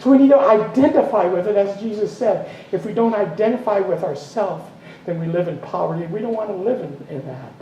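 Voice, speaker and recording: A man's voice: high-pitched, animated, fairly quick, mellow, lo-fi sound, a little hiss or hum. A man giving a sermon as minister, rambling and breaking off with chuckling asides. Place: spiritual center meeting room. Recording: roomy hall from a distance, faint ambience.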